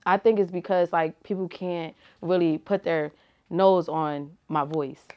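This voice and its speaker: With a voice on the low side and fairly even intonation, a young woman speaks unhurriedly and smoothly, though the audio is dull. As a guest in an interview, this rapper and reality TV personality gives relaxed, slang-heavy answers sprinkled with "like" and "you feel me."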